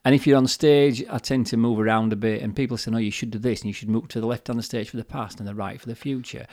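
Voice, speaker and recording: A podcast co-host lays out his views in fluent, chatty conversation, acting out quotes as he goes. He talks fast with a mid-range, darkish voice and fairly even intonation. Recorded on a desk microphone, the sound is clean, studio-quality, and free of echo.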